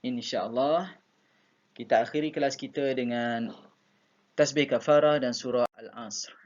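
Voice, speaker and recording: A man's voice: medium pitch, measured pace, a little mellow. A Malaysian man teaching an online primary school class, patiently repeating instructions. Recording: dull lo-fi recording.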